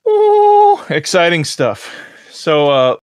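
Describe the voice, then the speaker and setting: A man co-hosting a podcast, chiming in with animated, unhurried casual chat. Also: fairly high pitch, dry recording. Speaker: podcast co-host.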